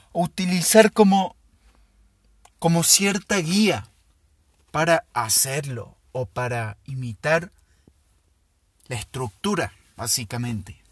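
A man who hosts a show and tells a story in a casual, unhurried way, pausing often to think. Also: fairly high pitch, no room sound, clean studio sound. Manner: slow, thoughtful, with pauses and fillers. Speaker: podcast host.

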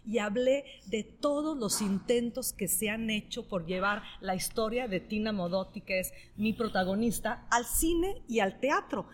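A woman's voice: on the high side, measured pace, hardly any pauses, a little hiss or hum. Talkative Italian woman author, live audience. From northern Italy. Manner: lively, talkative, laughs often. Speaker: author guest. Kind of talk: live podcast interview. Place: store event space with live audience.

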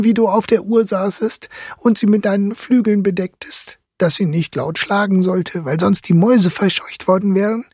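A sick little girl with a very high, plaintive, accusing voice, breathy and husky, voiced by a man. It is a fairy tale reading. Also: no echo, studio quality.

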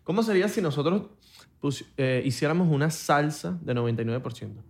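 Man, podcast co-host, joking, playful, somewhat high pitch. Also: expressive, fairly quick, darkish tone. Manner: playful, breaks into sung bits and jokes. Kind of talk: casual banter.

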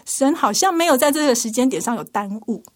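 Fast-talking woman telling a faith story. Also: high-pitched, animated. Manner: earnest, emotional storytelling with frequent laughs. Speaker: interview guest, TV department manager. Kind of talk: radio interview, personal faith testimony.

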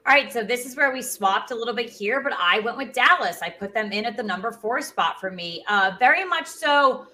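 A woman's voice: on the high side, expressive, brisk, sharp tone. A woman hosting a sports show, leading a ranked countdown in informal, emphatic conversation. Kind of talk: casual sports countdown chat, leading the rankings.

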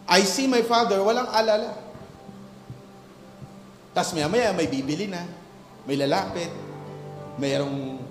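A pastor preaching a sermon, telling a story of his childhood and rising into emphatic preaching, mixing English into Tagalog. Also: sits high. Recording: echoey hall with faint music.

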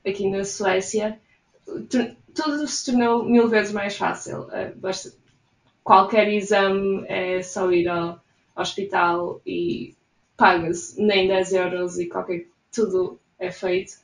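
A young woman with a European Portuguese accent talks casually in an interview, breaking into soft laughs. Her voice sits at an ordinary middle pitch. The room around her adds a clear echo. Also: steady tone, takes it slowly. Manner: chatty, frequent soft laughs. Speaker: interviewee, immigrant in Sweden. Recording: roomy echo.

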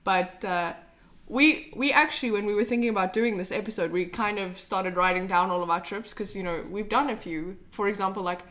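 A woman's voice: medium pitch, brisk, a bit bright. Chatty South African woman hosting a podcast. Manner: chatty, upbeat, asks her guest questions. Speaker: podcast host. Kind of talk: casual podcast chat.

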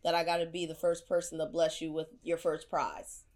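A woman's voice: deep voice, level tone, a little fast, a little mellow. A woman working as a budtender who calls a raffle winner, playful and teasing, hyping her up. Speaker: dispensary budtender announcing a prize. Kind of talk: phone call announcing a raffle winner.

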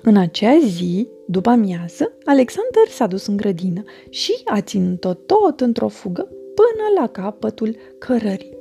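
Woman narrating a children's story, mellow gravelly voice, faint music behind. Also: medium pitch, very animated, hardly any pauses.

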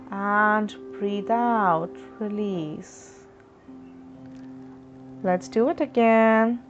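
A woman talks listeners through a chakra meditation, her words unhurried and drawn out. She keeps a calm, instructive tone. The recording sounds slightly muffled, with quiet music beneath her. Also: mid-range voice. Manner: slow, soothing, instructive. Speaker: meditation guide. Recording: dull lo-fi recording with soft music.

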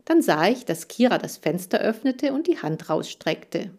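A woman reading a children's audiobook in a calm, careful storytelling manner. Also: mid-range voice, normal speed. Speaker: audiobook reader.

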